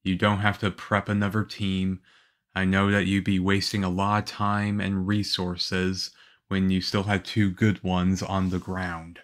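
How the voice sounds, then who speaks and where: Man acting as Leon Kennedy, low, unhurried young agent. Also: monotone, fairly bright tone. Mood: businesslike. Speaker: audio roleplay voice actor. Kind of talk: ASMR roleplay acting.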